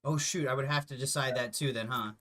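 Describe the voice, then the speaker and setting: A man's voice: medium pitch, fairly even intonation, fast, a bit bright. A man playing a tabletop wargame, thinking aloud and correcting himself as he decides moves. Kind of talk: casual game-table chat.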